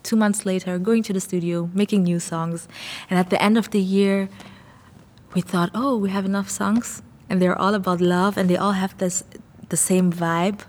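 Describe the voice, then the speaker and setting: A woman's voice: mid-range voice, fairly even intonation, normal speed, darkish tone, big-room sound. A young woman from Germany, a singer, speaking, answering interview questions in an earnest, thoughtful way as she searches for words. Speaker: singer and songwriter.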